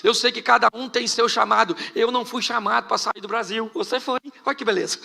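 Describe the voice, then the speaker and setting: A middle-aged Brazilian pastor from Rio de Janeiro with a Carioca accent, preaching a humorous sermon to a congregation and telling stories about himself. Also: male voice, extremely high pitch, fairly even intonation, fairly quick, creaky, sharp tone. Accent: Carioca Brazilian Portuguese. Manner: humorous storytelling preacher, laughing at his own jokes. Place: church hall with a live congregation.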